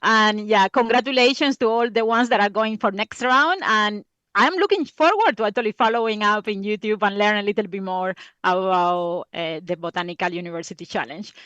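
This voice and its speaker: A woman's voice: medium pitch, fairly quick, a bit bright, no echo, muffled recording. A woman with a Spanish accent chatting as a guest on an online quiz over a video call, hesitant and repeating words. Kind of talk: casual chat.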